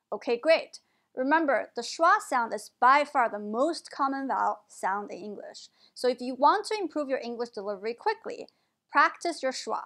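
A woman teaching English pronunciation in a slow, clear lesson style, carefully modeling each word. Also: high voice, a bit bright.

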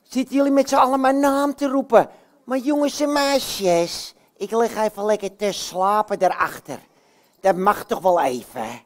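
A puppeteer doing Jan Klaassen, loud boastful puppet hero. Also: medium pitch, lively intonation, normal speed, close to an everyday voice. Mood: boisterous. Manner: loud, exclaiming, talks straight to the children. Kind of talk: puppet show. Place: bookshop, indoors.

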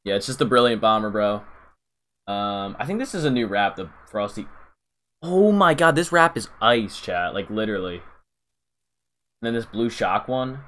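A man's voice: on the low side, very animated, moderate pace, long pauses, fairly bright tone. Rambling young man streaming to chat. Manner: rambling, reads chat aloud, frequent fillers and "bro". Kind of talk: casual live-stream chat.

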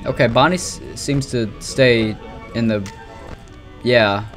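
A young adult gaming streamer talks in a mid-range voice at a slow pace, with faint music playing behind him. His live commentary on a horror game is casual and rambling, full of nervous exclamations and some swearing.

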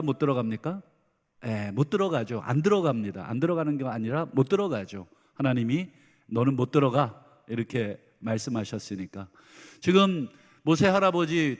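A middle-aged man preaching a Sunday sermon as senior pastor, lively and dramatizing the voices of parents and children. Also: mid-range voice. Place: church sanctuary. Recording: long hall reverb.

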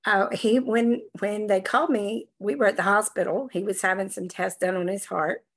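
A woman's voice: mid-range voice, moderate pace. Enthusiastic woman on a video call. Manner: enthusiastic, effusive, animated retelling. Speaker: guest sharing a success story. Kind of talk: casual testimonial on a live video call.

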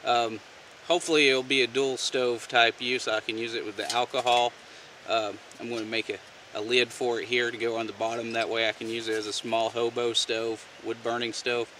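A man's voice: mid-range voice, moderate pace, far from the mic, slight background noise. Folksy man demoing a camp stove outdoors. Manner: relaxed, folksy, with many fillers. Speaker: outdoor gear vlogger. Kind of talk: casual how-to demonstration. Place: outdoors on the ground, off camera.

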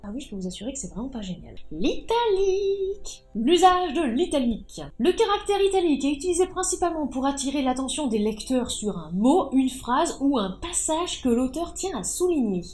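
Casting note: woman, a touch high, chatty writing-coach tutorial with emphatic asides, echoey room with faint music underneath. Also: big pitch swings, fairly quick, hardly any pauses, darkish tone. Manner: chatty, emphatic, with fillers like hein and bah. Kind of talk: casual tutorial explaining typography rules.

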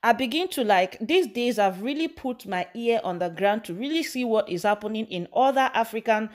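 A woman's voice: fairly high pitch, lively intonation, moderate pace, a little mellow. A Nigerian woman hosting her channel, reading news and then giving impassioned commentary full of rhetorical questions and fillers. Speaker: channel host.

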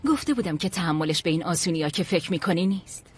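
A woman's voice: on the low side, lightly acted. A woman dubbing a young wife who fires off insistent questions and defends her husband. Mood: defensive. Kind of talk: dubbed drama acting.

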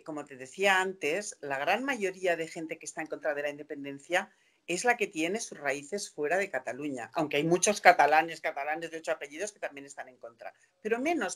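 A woman's voice: low voice, fairly bright tone. An older woman in her sixties, a guest on a video call interview, speaking in a passionate, indignant way full of rhetorical questions. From Spain. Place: room at home.

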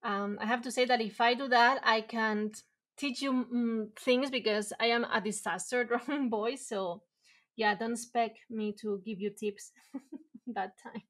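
An artist streams a drawing session from a room at home, chatting casually as she draws. Her first language is Spanish, and her voice is a little high and a bit bright, with a steady tone and measured pace. She rambles, restarts often, uses many fillers, and laughs at herself.

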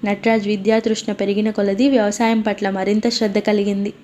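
A woman narrating a novel as an audiobook in a steady, even reading, in a dull lo-fi recording with faint hiss. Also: medium pitch, a little fast. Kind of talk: scripted narration.

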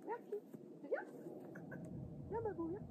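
A high, lively woman coaxes and soothes a horse with short commands, often dropping to a hushed voice. Her pitch jumps all over the place as she talks. The sound comes from a camera some distance away, with noticeable noise in the background. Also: a little slow, narrow, tinny audio. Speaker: horse trainer. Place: outdoors in a field with a horse. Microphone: camera mic at a distance.

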